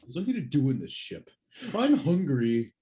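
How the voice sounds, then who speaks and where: A man's voice: medium pitch, sing-song, normal speed, warm tone, lightly acted. A man playing a big, dim, whiny henchman with a petulant, bullying manner in a sci-fi comedy spoof.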